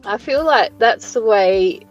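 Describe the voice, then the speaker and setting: A woman's voice: fairly high pitch, animated, slow pace, lo-fi sound, soft background music. An Australian woman in an easygoing casual chat on her livestream, laughing often. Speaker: livestream host.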